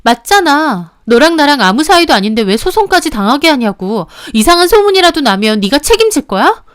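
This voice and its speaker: A contemptuous young woman snaps and sneers, her voice pitched high and loud, as a female reader puts her on. The tone is smooth and clean, recorded dry and close. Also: lively intonation, normal speed, no echo. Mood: scornful. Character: sharp-tongued young woman, the husband's scornful ex-lover. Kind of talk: dramatized story reading.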